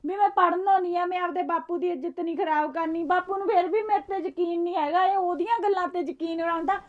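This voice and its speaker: A woman's voice: very high-pitched, quick pace, phone-quality sound. A young woman playing a proud, tearful daughter who is a student and insists on being believed. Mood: upset. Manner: indignant, pleading to be believed. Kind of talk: Punjabi short film acting.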